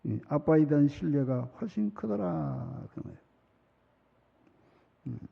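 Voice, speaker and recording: A man's voice: fairly high pitch, animated, a little slow, creaky, breathy edge. A middle-aged man preaching a sermon as pastor, chatty, laughing often and acting out children's pleas. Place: large church sanctuary. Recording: reverberant hall, muffled sound.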